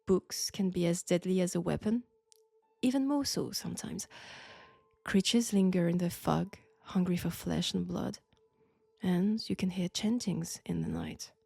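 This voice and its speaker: Gravelly and lowish with a breathy edge, a woman's exaggerated voice with a French accent portrays an occult professor who is the possessed vessel of an ancient entity. Her slow, deliberate, hushed delivery is ominous, with whispered phrases, aimed at the listener in audio roleplay. The recording is dry, with faint music.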